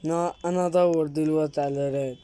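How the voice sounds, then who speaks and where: Her low-pitched, mellow voice moves at a quick pace with fairly even intonation as this woman, a gamer with an Egyptian Arabic accent, improvises a casual Roblox role-play film, exclaiming, questioning and repeating herself.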